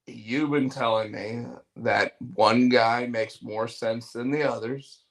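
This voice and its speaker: A man's voice: mid-range voice, fairly even intonation, takes it slowly. A man co-hosting a casual wrestling and TV recap podcast, laughing and building his points as he goes. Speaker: podcast co-host. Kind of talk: casual chat.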